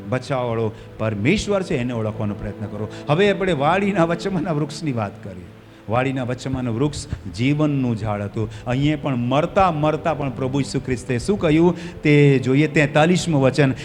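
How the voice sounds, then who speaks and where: A male pastor preaching a sermon in a church hall, his voice often swelling loud with fervor. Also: medium pitch, lively intonation, brisk, a little hiss or hum. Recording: long hall reverb, faint music behind.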